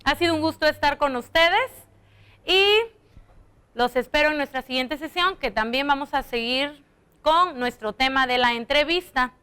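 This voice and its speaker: A young woman teaching a primary school lesson on television, patient and slow, stretching out example sentences to show how they sound. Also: high voice, sharp tone.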